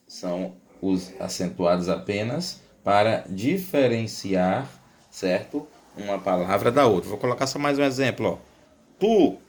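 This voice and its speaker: A Portuguese-speaking man teaches a Spanish grammar lesson in a low, gravelly voice. He goes over each rule several times and keeps asking his students whether they follow. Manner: drills points with repeated "certo?" and "né?" tags. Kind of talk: classroom lesson explaining rules.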